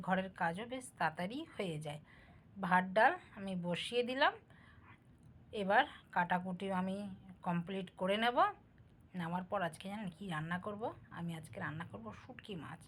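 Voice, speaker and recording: A woman's voice: medium pitch, fairly bright tone. A middle-aged woman with Bangal family roots, chatting casually to viewers while she cooks at home. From Bangal family, East Bengal roots. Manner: homely, talks directly to viewers, asks for comments. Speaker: cooking vlogger.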